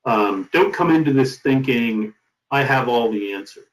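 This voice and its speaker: The recording is roomy and full of echo as a middle-aged man, interviewed as a company founder, hands out advice. He speaks in an expressive mid-range voice, emphatic and deliberate yet conversational.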